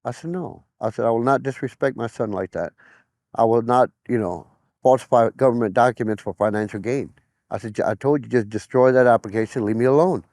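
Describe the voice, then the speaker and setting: A man's voice: medium pitch, fairly quick, a little mellow, no echo, clean studio sound. A middle-aged man giving personal testimony in an interview, plain-spoken, often retelling conversations as quoted dialogue.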